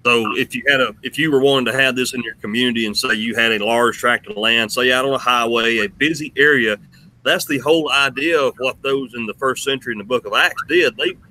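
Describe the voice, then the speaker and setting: A man with a bright, forceful voice at a middling pitch. He speaks conversationally, as the interviewer in a religious discussion. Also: a little fast, poor audio. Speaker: interviewer, host.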